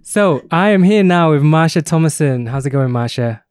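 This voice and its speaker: A man's voice: on the high side, lively intonation, normal speed, over music. A man, hosting a podcast in casual chat and laughing often. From England. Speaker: podcast host.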